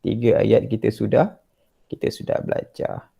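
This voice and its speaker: A man with a Malaysian Malay accent teaching Quran recitation in an online class, patiently correcting students line by line and modeling slow recitation. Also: on the low side, fairly even intonation, creaky, warm tone, husky, muffled recording.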